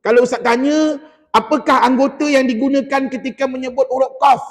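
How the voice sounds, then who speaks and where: A man's voice: extremely high pitch, level tone, a little fast. A man with a Malaysian Malay accent teaching Quran recitation, quizzing his class and modelling each sound for them to repeat. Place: mosque hall. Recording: long mosque reverb.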